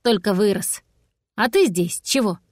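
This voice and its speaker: A woman voicing a clever grown-up male cat who speaks in a hushed, polite but firm way. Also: medium pitch, animated, a little slow, no room sound, clean studio sound. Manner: hushed and businesslike.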